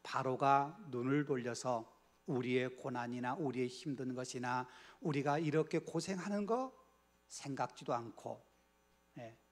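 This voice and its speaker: A man's voice: medium pitch, unhurried. A man preaching a Bible study sermon as pastor in a church, earnest and asking the congregation rhetorical questions, sometimes dropping to a near whisper.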